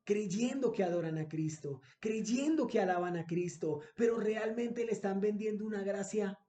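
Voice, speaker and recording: A man's voice: sits high, moderate pace, warm tone, roomy sound. A man preaching a sermon as pastor. He repeats phrases for emphasis and asks the congregation rhetorical questions.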